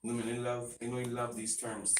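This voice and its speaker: A man co-hosting a radio talk show in casual chat, animated and given to loud excited bursts. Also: mid-range voice, fairly quick. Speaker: radio co-host. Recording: roomy studio, distant mic, faint noise.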